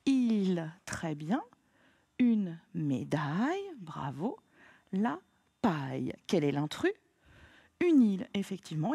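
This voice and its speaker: A woman teaching a phonics lesson to children, patient and encouraging, spelling out sounds slowly. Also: medium pitch, dark tone, husky, dry recording.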